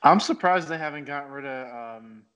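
A blunt man in casual sports talk, his voice mid-pitched and plain. He swears freely and keeps his remarks short. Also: normal speed, a bit bright, clear, resonant tone, rough recording. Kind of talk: casual chat.

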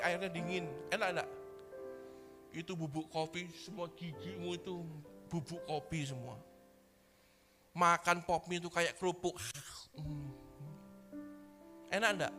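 A man preaching as pastor at a church service, animated and full of rhetorical questions and sound effects. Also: sits high. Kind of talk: sermon.

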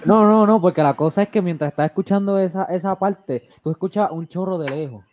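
A man's voice: high voice, brisk, a little mellow, slight background noise. A man in casual group banter, blunt and teasing.

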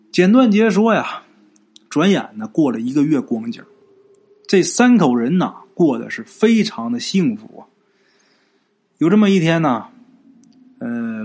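A man telling a ghost story in a chatty storytelling style with drawn-out sentence particles. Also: medium pitch, darkish tone, breathy edge.

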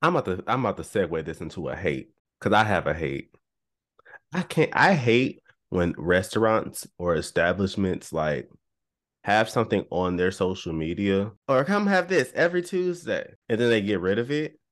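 A man's voice: low voice, very animated, normal speed, fairly bright tone. A man co-hosts a podcast in a loose, chatty style. He is playful and self-mocking, and leans on repetition to make his point. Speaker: podcast co-host. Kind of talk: casual chat.

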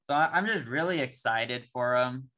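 Young male podcast co-host, bright eager voice, rambly sports chat. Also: mid-range voice, moderate pace. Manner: excitable, rambling with restarts.

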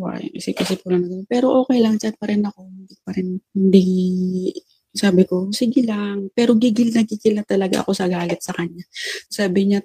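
A woman tells a personal story in a casual, unpolished way, often stopping to restart her sentences as she retells what was said. Her voice is husky and mellow, with a flat, level delivery. The recording is dry, with no room sound. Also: medium pitch, dry recording. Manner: retells dialogue with many "I said" tags and halting restarts. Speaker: storyteller recounting a personal experience.

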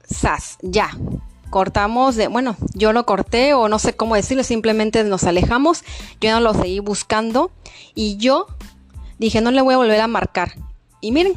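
A young woman with a Mexican Spanish accent tells a personal story in a confiding, emphatic way, often speaking straight to her listeners. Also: mid-range voice.

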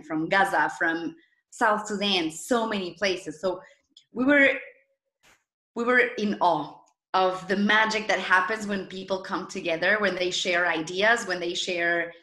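A woman's voice: mid-range voice, measured pace, sharp tone, roomy sound. A woman in her thirties from Argentina, a startup founder telling her story as an interview guest with eager enthusiasm. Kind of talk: video interview.

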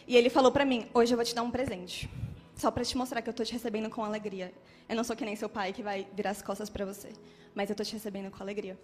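A young woman in her twenties telling an emotional church testimony in an animated storytelling manner. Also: a little high, long reverb tail. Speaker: testimony speaker.

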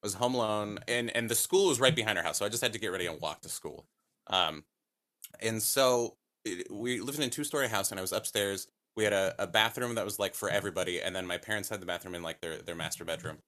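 Low bright-voiced man telling a story. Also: fast talker. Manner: rambling, self-correcting, with lots of fillers. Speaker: podcast guest. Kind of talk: casual storytelling.

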